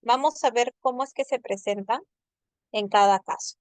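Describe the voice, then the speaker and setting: A woman's voice: fairly high pitch, moderate pace, smooth, dry recording. A woman teaching a language class online, patiently explaining and checking in with her students. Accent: Peruvian Spanish.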